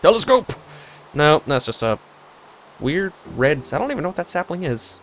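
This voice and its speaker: A man's voice: fairly high pitch, lively intonation, normal speed, a crowd in the background. A young man hosting a casual let's play, rambling through his plans with sarcastic asides and frequent laughs. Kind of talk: casual gameplay chat.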